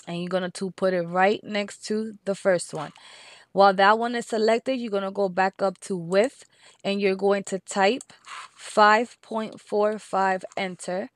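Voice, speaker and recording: A woman with a Spanish accent walks the listener through a screen-recorded craft tutorial, patient and methodical. She reads each measurement out slowly and plainly. The voice sits at an ordinary middle pitch and sounds dry and close to the mic. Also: fairly even intonation, dry recording. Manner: patient, repeats steps and numbers slowly. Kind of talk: step-by-step software tutorial.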